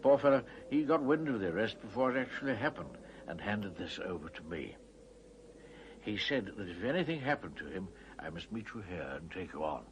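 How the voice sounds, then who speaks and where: An actor playing a fussy, kindly, secretive talking beaver who repeats himself and gives urgent warnings in a children's fantasy drama. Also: male voice, lowish voice, animated, a little fast, noisy background, lightly acted. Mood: earnest. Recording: music behind the voice.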